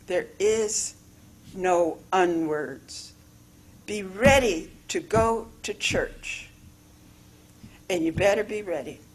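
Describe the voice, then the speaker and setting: Slow, rambling woman preacher. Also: lowish voice. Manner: rambling, repetitive, emphatic. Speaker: spiritual living speaker. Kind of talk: informal sermon. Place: church sanctuary.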